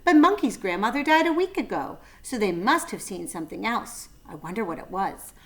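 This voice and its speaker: A woman's voice: medium pitch, animated, fairly quick, close to an everyday voice. Woman voicing a fussy, suspicious wild boar. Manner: muttering in clipped, grumbling phrases.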